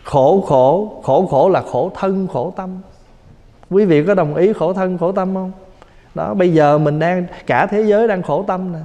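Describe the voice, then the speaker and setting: Southern Vietnamese male monk, 40s; folksy, humorous sermon delivery, slightly high voice, long hall reverb. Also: unhurried. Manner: animated storytelling, folksy and humorous. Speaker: Buddhist monk teacher. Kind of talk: Dharma talk sermon.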